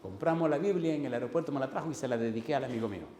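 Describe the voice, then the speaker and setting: A man's voice: medium pitch, lively intonation, rapid-fire, dark tone, slight background noise. Man preaching, repeating questions. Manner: repeats phrases and asks the congregation questions. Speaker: pastor. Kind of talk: sermon. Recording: roomy hall with faint ambience.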